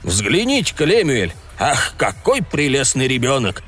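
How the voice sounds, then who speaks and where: A man voicing a pompous, vengeful middle-aged alderman who speaks slowly and menacingly in an audiobook. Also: medium pitch, wildly swooping pitch, a bit bright, slightly rough, soft background music, exaggerated voice. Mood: gloating. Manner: slow, menacing, self-important. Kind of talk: audiobook character voice.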